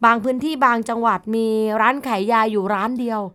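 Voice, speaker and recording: A woman talks quickly in a light, slightly raised voice. She explains the topic in casual chat and keeps poking fun at her co-host along the way. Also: fairly high pitch, fairly even intonation, fairly bright tone, smooth. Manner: playful, teasing, quick explanations. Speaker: co-host of an education podcast.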